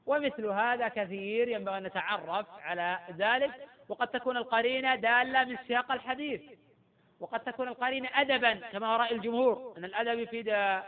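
Middle-aged sheikh, quick high voice, drilling students on each rule; tinny phone-like recording. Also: male voice. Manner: quizzes students and repeats key points. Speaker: sheikh teaching Islamic jurisprudence. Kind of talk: classroom lecture with questions to students.

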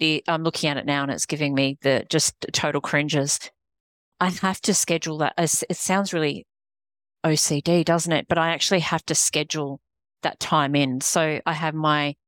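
Low-voiced Australian woman, earnest. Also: a bit bright, no echo. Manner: earnest, rambling with frequent restarts. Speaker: guest, executive coach. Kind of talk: casual interview conversation.

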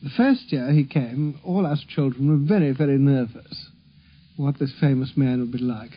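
Husky man reminiscing fondly. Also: medium pitch. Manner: fond, measured, animated in places. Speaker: interviewee recalling childhood. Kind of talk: spoken reminiscence. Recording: dull old archival recording.

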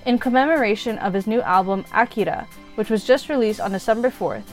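A woman's voice: fairly high pitch, fairly quick. A woman presenting a scripted top ten music countdown as the show's host. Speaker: podcast host.

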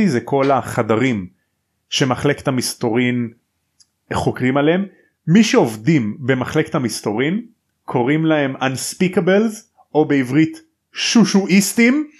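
A man hosting a podcast, casually retelling and explaining a story in a chatty, slangy way. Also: mid-range voice. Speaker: podcast host.

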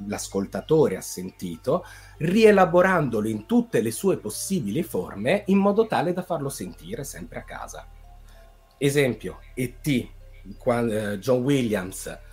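A man who writes film scores explains his craft in a relaxed, conversational tone. He builds his points step by step with examples, even humming a melody. Faint music plays softly underneath. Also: mid-range voice. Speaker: film composer. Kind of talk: casual explanatory chat.

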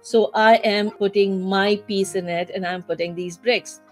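A woman voicing a young male bricklayer in a story, speaking with excitement and passion. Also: mid-range voice, normal speed, soft background music, lightly acted. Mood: passionate. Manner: eager, earnest.

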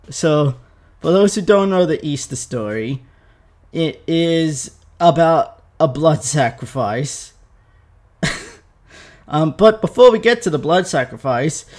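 A young man talks slowly in a slightly high voice, retelling a story for his viewers. His tone is irreverent and chatty, with loose fillers and casual swearing. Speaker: vlogger.

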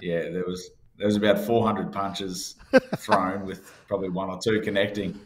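Male interview guest, Australian accent, low register, understated and hesitant, faint noise behind. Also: flat delivery, normal speed. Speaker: rugby club captain, guest. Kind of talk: casual interview.

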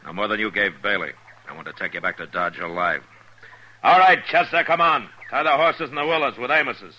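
A man acting as a stern, steady frontier marshal in a 1950s radio western, laconic and commanding, measured in delivery. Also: lowish voice, dull audio. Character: stern, steady male frontier marshal, patient but firm. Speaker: lead actor in a radio western. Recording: noisy vintage 1950s radio broadcast recording.

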